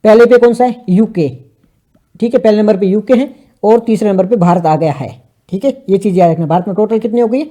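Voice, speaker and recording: A man's voice: high voice, brisk, dark tone. A man giving a casual current affairs lesson for exam students, mixing English terms into his talk and asking and answering his own questions. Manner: mixes English terms into Hindi. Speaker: exam prep teacher.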